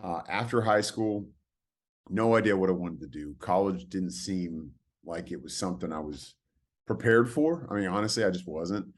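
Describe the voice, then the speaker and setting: A deep-voiced man in his forties, originally from California, talking as a podcast guest. He rambles through his stories in a relaxed way and often stops to restart a sentence. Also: moderate pace. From California, USA. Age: 40s. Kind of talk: casual storytelling.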